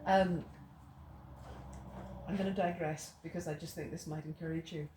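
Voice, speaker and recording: A middle-aged Irish woman teaches a small study group in an indoor room, her fairly low voice moving at a moderate pace with fairly even intonation. She drifts into stories and keeps restarting her sentences. The recording has a roomy echo and faint noise.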